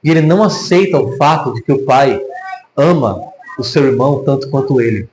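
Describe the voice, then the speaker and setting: A man's voice: medium pitch, a little fast, a little mellow, a little hiss or hum. A man with a Brazilian Portuguese accent preaching a sermon, telling a story animatedly with many rhetorical questions, in a church hall. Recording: echoey room.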